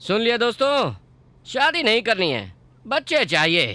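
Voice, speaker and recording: A woman's voice: a little high, big pitch swings, moderate pace, dry recording. A woman playing a cheeky, boastful middle-aged male passenger in a comedy skit. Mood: flirty. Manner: cheeky, boastful, loud complaining.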